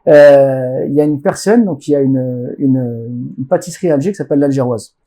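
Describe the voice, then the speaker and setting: Man, from France, podcast guest, rapid casual storytelling, restarts, acted-out dialogue. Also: mid-range voice. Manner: animated, many restarts, acts out quoted dialogue.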